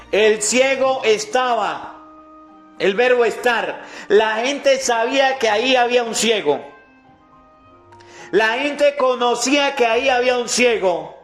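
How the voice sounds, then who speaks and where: A man preaching as a priest with a very high voice and an unhurried, deliberate delivery. He asks rhetorical questions, stresses them, and lets key words fall low and soft. Faint music plays underneath. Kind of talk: sermon.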